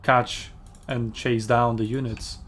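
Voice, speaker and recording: A man's voice: medium pitch, little pitch movement, takes it slowly, fairly bright tone. Man chatting through gameplay commentary. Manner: rambling, self-correcting, chatty with fillers. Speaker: gaming video host.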